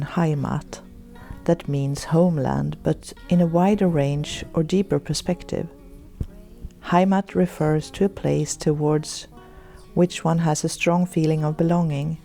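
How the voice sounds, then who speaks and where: Slow, gravelly woman. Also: deep voice, fairly even intonation, soft background music. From Sweden. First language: Swedish. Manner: slow, thoughtful and gentle. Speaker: podcast host. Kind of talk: reflective monologue and book reading.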